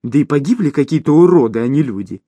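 A man's voice: mid-range voice, animated, quick pace, dark tone, breathy edge, no echo. A man doing a whiny, hypocritical official. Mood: indignant. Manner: whiny, indignant. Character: hypocritical, cowardly male official, easily rattled. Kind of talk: audiobook character voice.

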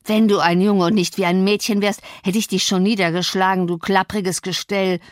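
Woman reading as a rough young farmhand, surly, gruff, blunt, dry recording. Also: medium pitch, level tone, normal speed, dry recording, lightly acted.

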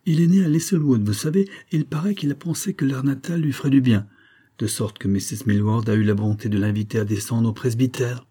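A man's voice: medium pitch, fairly quick, mellow, breathy edge, voice pushed up, natural voice. A man voicing a scheming, envious young woman in an audiobook, speaking slyly and gossiping. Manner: sly, gossipy.

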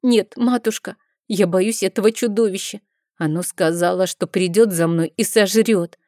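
A woman voicing a sickly, frightened little boy who whines and pleads in a high, shrill voice in an audiobook. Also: moderate pace, dark tone, no room sound, clean studio sound, natural voice. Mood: scared. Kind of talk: audiobook character voice.

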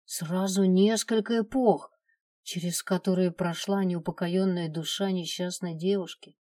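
An eager, lively young woman, as a woman reads her out for an audiobook. The voice sits a little higher than the narration, dry and close. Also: a little slow, no echo. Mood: enthusiastic. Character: enthusiastic young woman at a campfire.

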